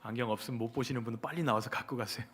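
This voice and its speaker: A man's voice: medium pitch, fairly even intonation, very fast, a bit bright, breathy edge. A male pastor giving a Sunday sermon in a church, talking conversationally and putting questions to the congregation. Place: church sanctuary.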